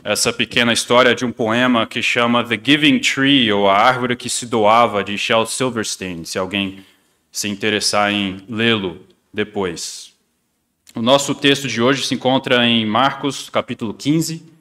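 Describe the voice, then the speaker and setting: A man, a pastor, telling a children's story and then preaching a sermon, with steady, emphatic delivery. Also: mid-range voice, unhurried. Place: church sanctuary. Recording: long church-hall reverb.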